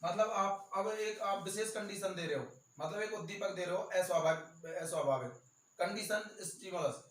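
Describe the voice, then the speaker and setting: A male teacher with a Rajasthani accent gives an exam-prep lecture, repeating key terms slowly and stressing them. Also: sits high, fairly even intonation, a bit bright. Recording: echoey room, voice from far off.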